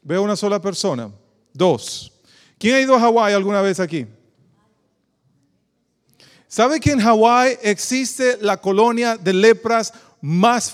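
A pastor from the Dominican Republic preaches a sermon in a high voice that sounds like a big room. In a preacherly manner, he quizzes his congregation with questions and calls them "queridos".

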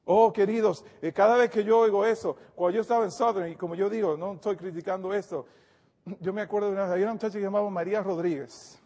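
Un hombre de voz aguda predica un sermón ante su congregación, con tono sincero y cercano. Repite palabras y retoma las frases al hablar. El eco largo de una sala grande envuelve su voz. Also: male voice, high voice, fairly even intonation, fast talker, a little mellow, big-room sound. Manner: earnest, repeats words and restarts, addresses the congregation directly. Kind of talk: sermon.

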